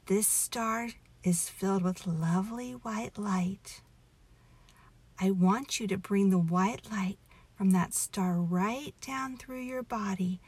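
A woman softly leading a guided meditation story in a hushed, soothing half-whisper, intimate as if right by your ear. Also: medium pitch. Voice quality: soft, breathy, half-whispered. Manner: gentle, drawn-out delivery.

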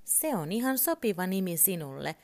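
A woman reading as a gentle toy bear. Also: lowish voice, big pitch swings, pitched above the performer's own voice.

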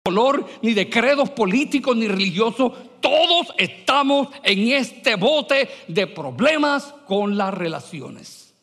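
Animated high-voiced male preacher in a hall. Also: takes it slowly. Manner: animated, mixes English words into Spanish. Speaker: pastor. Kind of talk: sermon.

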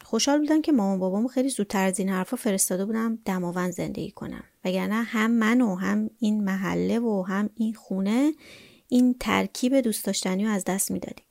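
A woman's voice: medium pitch, gravelly, a little mellow, no echo, studio quality. A woman narrating a story in the first person in a wry, gossipy colloquial way.

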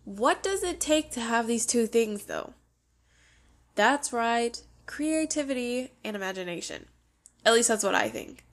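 A woman's voice: on the high side, expressive, normal speed. A young woman hosting a casual solo podcast, sounding congested and chatty, full of "like" fillers. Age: young adult. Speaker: podcast host.

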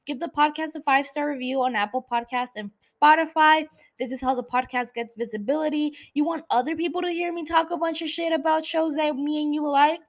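A woman's voice: sits high, a little fast. A woman hosting a casual solo podcast about TV shows, swearing freely and joking irreverently as she rambles and interrupts herself. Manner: rambling, self-interrupting, teasing. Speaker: podcast host.

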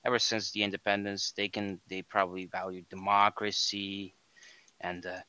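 Bright, clear-voiced young man chatting. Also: low-pitched, flat delivery, normal speed, dry recording, rough recording. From Estonia. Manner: rambling, self-correcting, many fillers. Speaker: podcast co-host. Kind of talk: casual chat.

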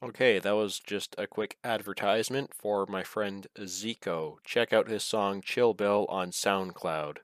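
A man's voice: on the low side, measured pace, few pauses, faint music behind. A young man hosting a loose, joking group voice chat. He chuckles between remarks. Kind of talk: casual chat.

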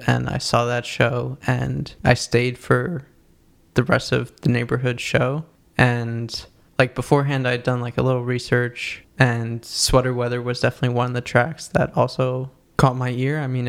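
A man's voice: medium pitch, vocal fry, clean tone. A man co-hosting a podcast, casually reviewing new music with a laid-back delivery full of fillers. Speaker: podcast co-host.

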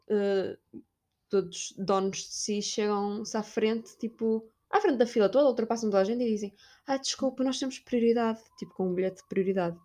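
A young woman with a European Portuguese accent tells a casual vlog story about a trip. She's chatty and animated, and along the way she imitates people, switching to a high voice to mimic staff who shout.

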